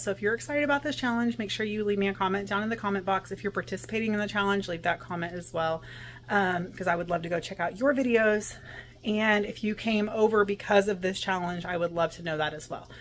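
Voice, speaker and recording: A woman in her thirties with a Southern US accent chats upbeat and casually to camera as a vlogger, with frequent ums and self-corrections. Her voice is medium-pitched, recorded on a phone held close at arm's length in a home kitchen. A dishwasher runs in the background, and there's a little hiss or hum.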